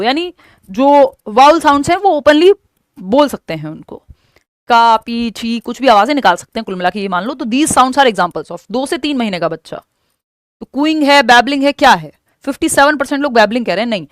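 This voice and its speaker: A woman's voice: high voice, no room sound, clean studio sound. A woman teacher, explaining exam questions step by step and mixing English terms into her speech. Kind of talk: exam-prep lesson.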